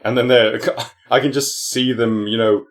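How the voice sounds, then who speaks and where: A man's voice: medium pitch, fairly even intonation, a little slow. A man with a Finnish accent co-hosting a podcast, telling rambling stories and laughing often. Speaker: podcast co-host. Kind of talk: casual podcast storytelling.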